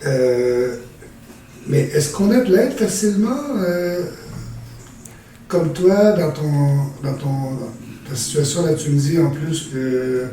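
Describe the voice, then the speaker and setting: A man's voice: on the high side, lively intonation, takes it slowly, dark tone, a little hiss or hum. A man hosting a conversational interview, asking questions hesitantly with many fillers and restarts. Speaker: podcast host. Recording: distant mic with heavy room echo and faint ambience.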